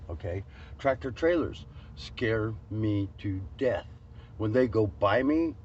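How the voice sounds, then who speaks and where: A man's voice: low voice, darkish tone. Rambling man vlogging from a car. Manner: rambling, emotional, many restarts and fillers. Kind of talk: casual vlog monologue. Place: in a vehicle on a road trip. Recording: lo-fi with faint road noise.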